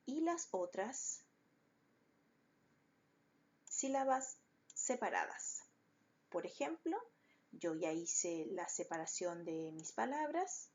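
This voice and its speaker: Slow, patient woman teaching children. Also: on the low side, big pitch swings, a little mellow, highs cut off. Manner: patient, explains step by step to children. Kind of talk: recorded online class.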